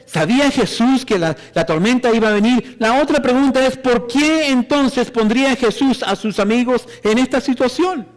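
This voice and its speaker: A man preaches in a high voice, slow and emphatic, asking the congregation question after question. His voice rings with the long reverb of a church hall. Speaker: pastor. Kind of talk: sermon.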